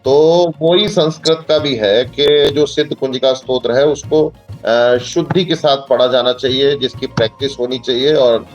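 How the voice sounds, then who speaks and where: A man speaks in an ordinary mid-range voice as a podcast guest. He talks in a measured way, pausing with fillers as he explains, and recites long Sanskrit verses steadily. Faint music plays quietly behind him. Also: medium pitch, steady tone, muffled recording. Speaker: guest, astrologer and tantra practitioner. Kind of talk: podcast interview, devotional explanation.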